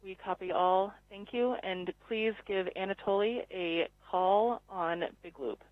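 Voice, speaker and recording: A woman's voice: mid-range voice, a little slow. A woman acting as ground communicator, speaking in radio read-backs over a transmission link. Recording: narrow phone-like radio link.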